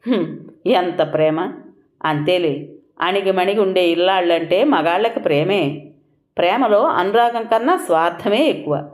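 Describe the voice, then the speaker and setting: A proud, confident wife with a cutting edge, as a woman narrator voices her. She fires off taunting questions in a somewhat low voice. This is storybook dialogue read aloud. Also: unhurried, lightly acted. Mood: scornful. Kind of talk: audiobook dialogue reading.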